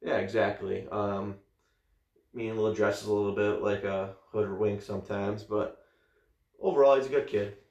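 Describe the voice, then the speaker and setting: A man's voice: on the low side, steady tone, normal speed, a little mellow, dull audio. A man chatting casually on a podcast, answering questions bluntly with crude jokes and swearing. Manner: blunt, profane and jokey. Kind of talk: casual chat. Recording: echoey room.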